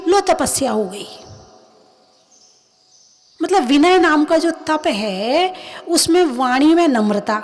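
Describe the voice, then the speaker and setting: A woman giving a religious sermon, talking conversationally and asking her listeners questions. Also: high-pitched. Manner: acts out everyday voices in quick asides. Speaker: Jain nun preacher. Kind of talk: religious discourse.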